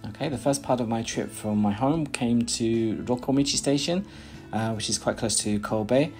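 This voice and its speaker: Soft background music accompanies a mid-range, darkish voice at normal speed. It belongs to a British man in his thirties who speaks British English and records casual vlog chat and voice-over narration in a small plain room. He's chatty and rambling, with lots of "uh"s and restarts.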